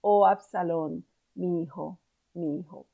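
A woman's voice: on the low side, fairly even intonation, slow pace, gravelly, narrow, tinny audio, full character voice. A woman voicing an old king who mourns his son in a repeated, lamenting cry, read in a Bible storybook. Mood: grieving lament.

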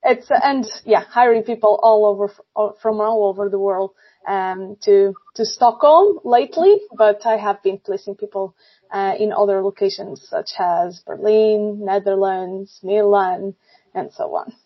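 A woman's voice: mid-range voice, unhurried, slightly rough. Woman recruiter chatting. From Portugal. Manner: friendly, apologetic, many fillers. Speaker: guest, tech recruiter. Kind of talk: casual podcast chat. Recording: dull lo-fi sound.

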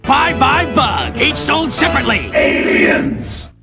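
An actor voicing an excited, punchy announcer for an action-figure toy commercial, calling out the lines in a sales delivery. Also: high voice, slow, vocal fry, loud music behind the voice, heavily acted. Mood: excited, urgent.

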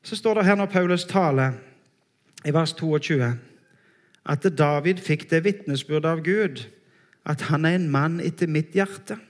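Earnest high-voiced male preacher. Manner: earnest, emphatic, slows for key phrases. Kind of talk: sermon. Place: church.

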